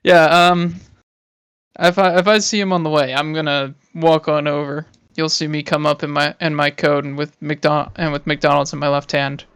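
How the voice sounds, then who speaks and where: Playful man with a smooth voice. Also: fairly high pitch, level tone, moderate pace, fairly bright tone, no room sound, studio quality. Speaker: player. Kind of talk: tabletop game play.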